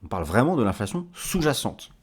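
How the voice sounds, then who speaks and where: A man's voice: medium pitch, sing-song, brisk, slight background noise. A man giving market commentary as an analyst, explaining charts and speaking directly to viewers.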